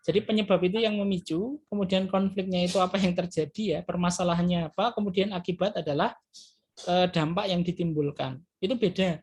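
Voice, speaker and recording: A man's voice: high-pitched, fairly even intonation, fairly quick, darkish tone, slight background noise. A male teacher reviewing for an exam, explaining loosely and hesitantly with frequent filler tags and addressing his students as children. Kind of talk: classroom exam review lesson.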